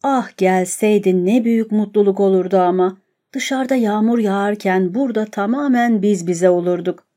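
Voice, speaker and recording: A woman's voice: mid-range voice, normal speed, dark tone, close to an everyday voice. A woman reading the lines of a restless, guilt-torn young married landowner in a storybook reading, in a brooding tone.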